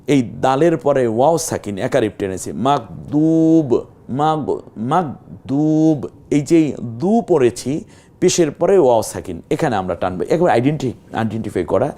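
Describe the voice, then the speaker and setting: A man teaching a Quran reading class, who explains each rule step by step, asks and answers his own questions, and draws out the vowels slowly when he demonstrates. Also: mid-range voice, lively intonation, warm tone. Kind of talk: televised Quran reading lesson.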